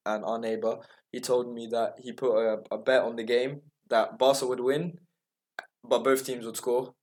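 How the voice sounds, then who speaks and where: A man's voice: medium pitch, little pitch movement, normal speed, darkish tone. A man co-hosting a podcast, chatting casually and enthusiastically about football. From England. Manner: chatty, enthusiastic, laughs often. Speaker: podcast co-host.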